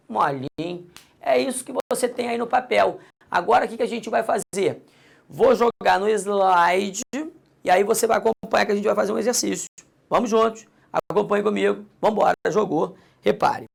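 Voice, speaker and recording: A male grammar teacher, his voice heavily gravelly with a husky, worn edge. He speaks straight to the student in a lively, coaxing way, as if checking that each point lands. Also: high voice. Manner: lively, addresses the student directly and coaxes them along. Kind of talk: recorded video lesson.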